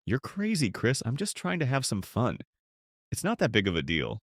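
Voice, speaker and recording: Storybook wife, middle-aged, irritated and curt; a man reads her lines, low voice with lively pitch. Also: moderate pace, dry recording, clean studio sound, heavily acted. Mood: annoyed. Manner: curt, dismissive replies. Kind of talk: scripted story narration.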